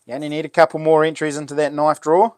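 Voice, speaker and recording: A man's voice: on the high side, level tone, very fast, clear, resonant tone, dry recording, studio quality. A man with a broad New Zealand accent chatting casually as a livestream host, full of laid-back, matey Kiwi slang. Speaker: live stream host. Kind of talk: casual livestream chat, reading out comments.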